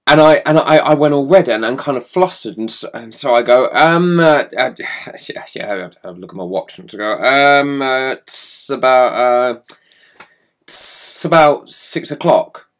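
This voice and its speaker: A man telling a childhood story, dramatic and expressive, dropping to whispers and rising again. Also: mid-range voice, a little fast, few pauses. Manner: expressive, dramatic, swoops between whisper and loud. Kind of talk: storytelling to an audience.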